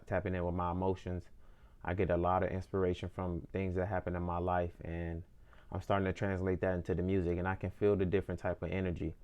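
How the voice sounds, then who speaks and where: Thinking out loud, this man in his 20s, an independent musician, reflects earnestly on his music and ambitions, frequently circling back and restarting his phrases. His low, darkish voice has a clean tone, though the recording's high frequencies are cut off.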